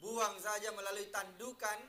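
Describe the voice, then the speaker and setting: A man's voice: sits high, little pitch movement, normal speed, sharp tone, reverberant, slight background noise. A man giving live football commentary in short, separated phrases, like a stadium announcer.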